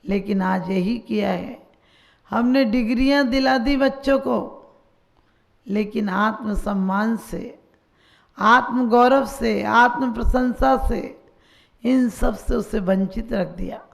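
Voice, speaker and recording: A woman's voice: fairly high pitch, slow, vocal fry. A woman, a Jain nun, giving a sermon full of rhetorical questions and closing blessings.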